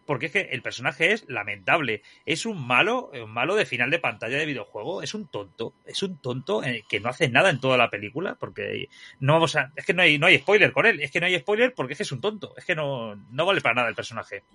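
A man co-hosting a casual film review chat, animated and repeating his points for emphasis. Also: medium pitch, fast, breathy edge, no echo. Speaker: podcast co-host reviewing a film.

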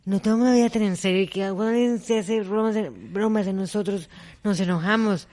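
A woman's voice: medium pitch, a little fast. A middle-aged woman, telling personal stories as an interview guest and acting out the dialogue. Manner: animated storyteller, acts out dialogue. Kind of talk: personal storytelling in conversation.

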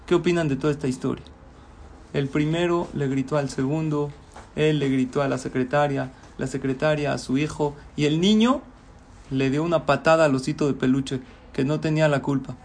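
Brief: male motivational speaker, high-ish voice, storytelling. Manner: lively narration, calm closing advice.

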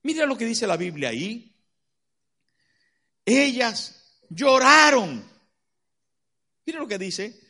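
A man's voice: high-pitched, very animated, brisk, fairly bright tone. A man preaching a sermon, dramatic and full of rhetorical questions to the congregation.

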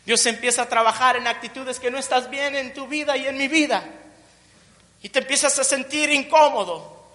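Woman preacher, high bright voice, slow emphatic delivery, long hall reverb. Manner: emphatic, repetitive build-ups with joking asides. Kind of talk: sermon.

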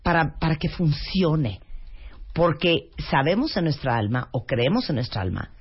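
Woman cohost, husky, lively voice, dull lo-fi sound. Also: sits low, normal speed. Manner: lively, animated, reads listener comments. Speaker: radio co-host. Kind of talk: casual chat on parenting.

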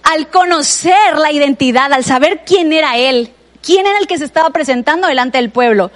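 High-voiced Mexican woman preaching. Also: moderate pace. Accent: Mexican Spanish. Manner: conversational preaching with asides to the listener. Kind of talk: sermon.

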